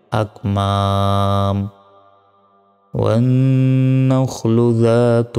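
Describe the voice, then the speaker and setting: A man teaching recitation, spelling out each letter and vowel mark, then chanting the verse slowly. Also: lowish voice, clear, resonant tone. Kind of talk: slow spelling-out lesson with recitation. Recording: reverberant room with soft music.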